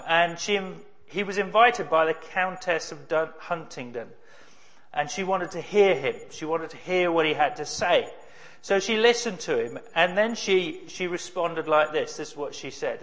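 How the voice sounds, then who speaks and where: A man's voice: a little high, a bit bright. A man preaching a sermon in a conversational way, with rhetorical questions and wry humor. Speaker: pastor.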